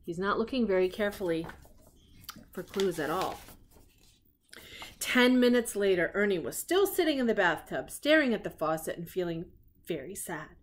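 This middle-aged woman, a grandmother hosting her own story show, reads a children's tale expressively from her living room. Her voice sits at a medium pitch, moving at normal speed with frequent pauses, and she chats aside to the young audience.

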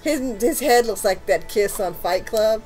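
A woman's voice: medium pitch, lively intonation, unhurried, darkish tone, faint music behind. A woman hosting a let's play, joking, laughing and cussing in casual chat as she plays. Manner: joking, laughs a lot, cusses.

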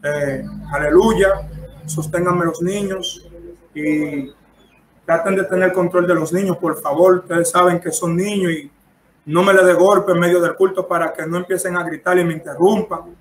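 A man's voice: high-pitched, steady tone, moderate pace, a little hiss or hum. A man with a Dominican Spanish accent, a preacher teaching church etiquette in an emphatic, instructive way and dotting his phrases with amens. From Dominican Republic. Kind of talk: instructive preaching to a live-streamed audience. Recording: echoey room.

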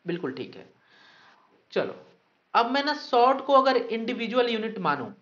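A man's voice: very high voice, very animated, unhurried, fairly bright tone, lo-fi sound. A man teaching an online exam-prep lecture, mixing Hindi and English and asking questions of his students. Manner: addresses students as sir, reads names from the live chat; mixes Hindi and English, asks questions of the class.

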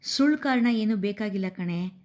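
A woman's voice: mid-range voice, lively intonation, normal speed, darkish tone, close to an everyday voice. A woman voicing a cheerful, practical young woman sharing news with her friend in a story reading. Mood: friendly. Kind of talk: storybook narration.

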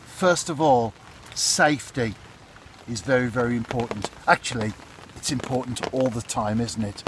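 This fishing vlogger, a man in his fifties, speaks at a moderate pace in a mid-range voice, chatting to camera from under an umbrella by a pool as a storm rages. He repeats his points and keeps asking "isn't it?", with storm wind and rain audible on the close phone or camera microphone.

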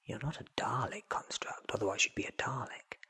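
A man's voice: medium pitch, brisk, bright, forceful tone, breathy edge. A man in his thirties playing an eccentric, curious, ancient alien time traveller, theatrical and wordy, in a close-miked ASMR roleplay. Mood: puzzled, curious. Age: 30s. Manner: theatrical, wordy, self-assured. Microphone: close sensitive microphone.

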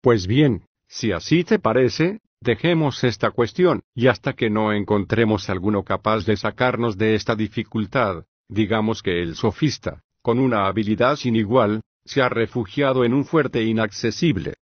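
A man's voice: lowish voice, moderate pace, hardly any pauses, no echo, lo-fi sound, lightly acted. A man voicing a patient male visiting philosopher who questions his partner, read evenly in an audiobook dialogue. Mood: probing.

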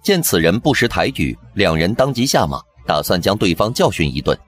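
A man narrating a TV drama recap in brisk scripted storytelling. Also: sits low, sing-song. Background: background music.

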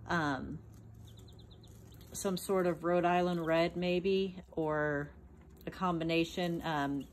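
A woman's voice: deep voice, a little hiss or hum. A woman vlogging casually about her chicks, chatty and plainspoken, with many ums and restarts, talking behind a phone camera at home. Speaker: small farm vlogger. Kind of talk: casual off-camera narration while filming.

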